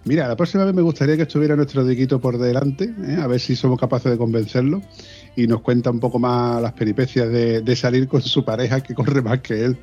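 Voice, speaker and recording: A man's voice: medium pitch, fairly even intonation, brisk, mellow, lo-fi sound, soft background music. A man with an Andalusian accent co-hosting a podcast in casual, teasing banter. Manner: joking, teasing banter with laughter. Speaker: podcast co-host. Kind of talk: casual chat.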